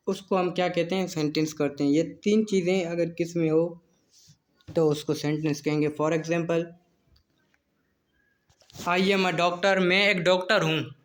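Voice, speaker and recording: Slow, high-voiced male grammar teacher. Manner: slow, repetitive, answers his own questions; mixes Hindi-Urdu talk with English terms. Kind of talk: self-made grammar lesson video.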